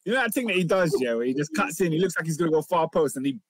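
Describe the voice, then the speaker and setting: A man's voice: fairly high pitch, lively intonation, rapid-fire, crowd noise. A man with a London accent co-hosting in casual, opinionated banter, repeating his points emphatically. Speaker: podcast co-host, football fan.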